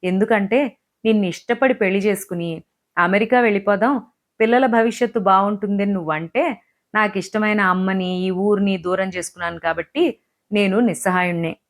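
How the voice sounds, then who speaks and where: A frustrated young husband, heated and reproachful, pleading and bitter by turns, as a woman storyteller reads him. The storybook voice keeps close to the reader's own middle pitch. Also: normal speed, natural voice. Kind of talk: audiobook character voice.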